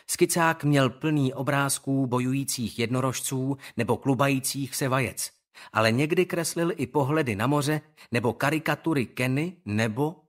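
A man reading an audiobook in calm, measured scripted narration. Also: mid-range voice.

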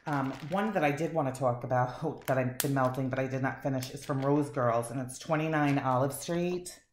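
A woman chatting casually and enthusiastically as she reviews wax melts, rambling with fillers. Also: rumbling low. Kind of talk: casual chat. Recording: echoey room, faint noise.

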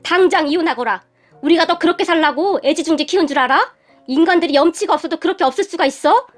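A woman's voice: high-pitched, fairly quick, fairly bright tone, faint music behind. Woman doing a stern old father-in-law. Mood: furious.

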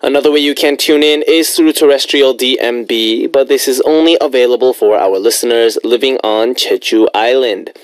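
A man's voice: mid-range voice, moderate pace, few pauses, clear, resonant tone, dry recording. A young man in his twenties hosting a radio show from a studio, upbeat and joking. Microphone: studio boom mic.

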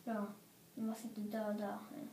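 A woman's voice: medium pitch, monotone, noisy background, close to an everyday voice. A woman reading a children's story aloud, voicing the narrator's playful older brother in a teasing way. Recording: roomy echo.

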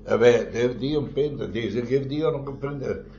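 A man's voice: medium pitch, normal speed, warm tone. An older man, a former miner, telling rambling stories in an oral history interview, often adding tag questions and short chuckles. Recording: muffled with faint noise.

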